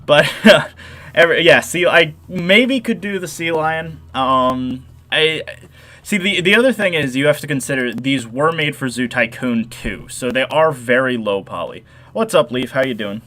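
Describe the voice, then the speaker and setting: With an expressive, pushed, bright mid-range voice at a moderate pace, a young nasal-sounding man streams his modding work. He chats and rambles through the explanation, reading and replying to chat in a casual tutorial style.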